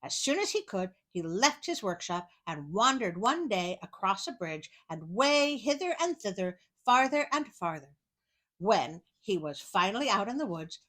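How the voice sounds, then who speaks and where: Woman reading folk tales aloud, bright tone, lively pitch, dry sarcastic asides. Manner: sarcastic, wry running commentary. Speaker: storyteller.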